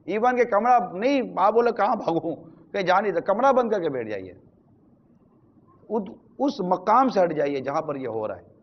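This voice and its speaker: A man's voice: sits high, big pitch swings, dull audio. A man giving a conversational sermon on marriage as an Islamic preacher, speaking straight to his viewers.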